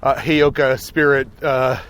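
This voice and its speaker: A man's voice: medium pitch, little pitch movement, unhurried, a bit bright. A man hosting a podcast while on a hike, thinking aloud with frequent restarts and tag questions. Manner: musing, lots of restarts and fillers, frequent "right?". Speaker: podcast host. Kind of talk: casual chat on a hike. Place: outdoors on a hiking trail.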